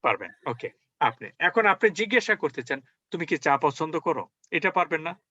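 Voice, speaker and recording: A man's voice: on the high side, big pitch swings, moderate pace, sharp tone, dull audio. A man teaching English as a spoken lesson, coaxing his learners along with many rhetorical questions.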